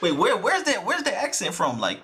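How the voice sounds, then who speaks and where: A young man streaming a joking voice chat in an online game, flustered and stammering, breaking into sudden shouts. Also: sits high, wildly swooping pitch, moderate pace. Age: young adult.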